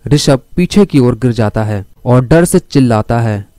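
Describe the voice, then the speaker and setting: Dark-voiced man telling a crime story. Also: medium pitch, animated, measured pace, no room sound. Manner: addresses listeners directly while telling the story.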